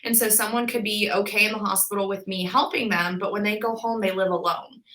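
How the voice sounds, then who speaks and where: Guesting on a podcast, this twenty-something physical therapist talks in a relaxed, chatty way, often saying "like" and "um." Her mid-range voice is brisk and a bit bright with fairly even intonation, captured on a low-quality recording.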